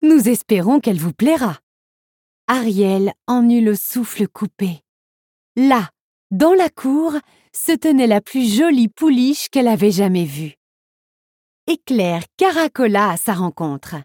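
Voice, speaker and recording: A woman's voice: on the high side, lively intonation, slow, a little mellow, no echo, studio quality. Woman reading a children's storybook. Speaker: narrator.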